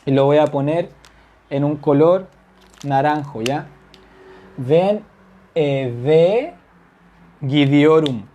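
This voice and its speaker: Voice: medium pitch, takes it slowly, long pauses, dark tone, muffled recording. A Turkish language teacher, giving a whiteboard grammar lesson, patient, repeating example phrases and checking understanding with tag questions.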